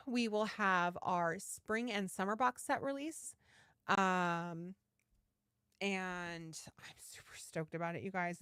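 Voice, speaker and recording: A woman's voice: mid-range voice, fairly bright tone, no room sound, clean studio sound. A woman hosting a casual live stream, chatting enthusiastically and reading out viewer comments. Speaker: livestream host, yarn dyer. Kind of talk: casual livestream chat.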